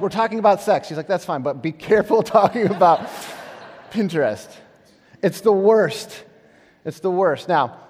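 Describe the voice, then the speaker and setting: A man in his thirties delivers a sermon in a church in a casual, self-deprecating way. His voice sits high for a man. The sound carries a long reverb from the hall. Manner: conversational, self-deprecating humor. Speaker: pastor. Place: church sanctuary. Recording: echoey hall.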